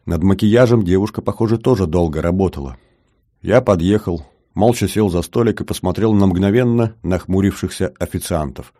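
A man narrating a first-person science fiction audiobook in a steady, measured way. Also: low voice, no echo, clean studio sound.

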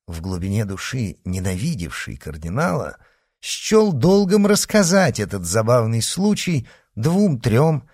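A man reading a classic novel aloud as an audiobook narrator, in an expressive, lively style. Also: medium pitch, no echo, clean studio sound.

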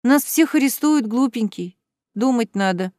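A fretful young woman friend in an audiobook story, voiced by a woman narrator. She frets and scolds in a fairly high voice. The reading is dry and close. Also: expressive, measured pace, a little mellow, no echo. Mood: chiding. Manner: anxious, chiding.

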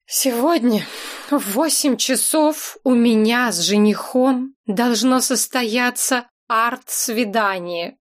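A woman reading an audiobook chapter as a narrator, in a lively, expressive way. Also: a little high, slow pace. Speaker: audiobook reader. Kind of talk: scripted narration.

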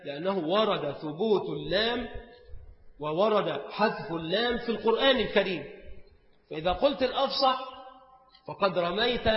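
High-voiced man lecturing in an echoing hall. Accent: Egyptian Arabic. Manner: explains grammar point by point, repeats phrases and asks rhetorical questions; recites Quran verses slowly. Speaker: Islamic scholar teaching creed. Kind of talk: recorded religious lesson. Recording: dull, echoey hall recording.

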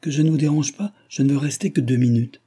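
A man playing a calm, good-natured young clergyman in a storybook reading, a touch higher than his usual voice. He speaks gently with a half-playful ease, the tone mellow and husky. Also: fast. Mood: gentle. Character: kindly young male curate, calm and gentle.

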